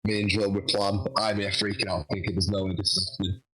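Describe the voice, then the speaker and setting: A young man, a wrestler guest, telling a lively anecdote with frequent restarts. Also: low-pitched, fast, slightly rough, low-quality recording. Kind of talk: casual storytelling.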